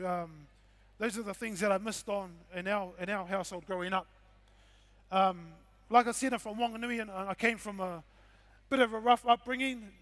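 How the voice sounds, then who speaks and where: Male speaker, broad Kiwi accent, notably high pitch, laid-back informal presenter using Māori words and slang. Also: a bit bright. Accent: broad New Zealand. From Whanganui, New Zealand. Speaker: conference speaker, game developer and hip-hop artist. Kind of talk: informal motivational talk to an audience.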